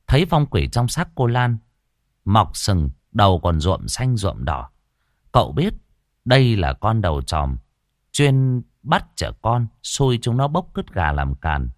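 Lively low-voiced man narrating a horror story. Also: no room sound, studio quality. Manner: lively, colloquial and earthy.

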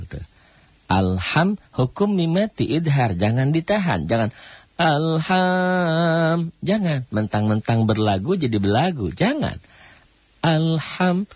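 A man's voice: mid-range voice, husky, no echo. A man hosting a call-in radio tajwid lesson. He asks questions and answers them himself, and draws out chanted recitation examples. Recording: lo-fi radio broadcast.

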